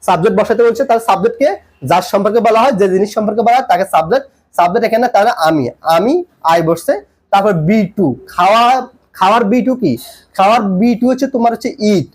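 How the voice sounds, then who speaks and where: A man with a high-pitched voice talks at a quick pace while teaching an English grammar tutorial. He repeats key points and quizzes the viewer with questions as he explains.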